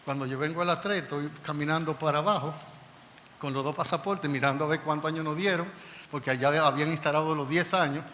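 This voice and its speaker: A male pastor preaching a sermon, telling a personal story in an animated way and acting out the dialogue. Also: a little high, fast talker. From Dominican Republic. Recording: reverberant church hall, faint noise.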